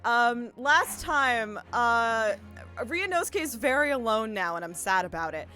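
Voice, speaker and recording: A young woman streams a game with friends, chatting and laughing in an animated, unhurried way while game music plays behind her. She's giggly and swears, and when reading out dialogue in this casual let's-play, she uses a lower, quieter voice.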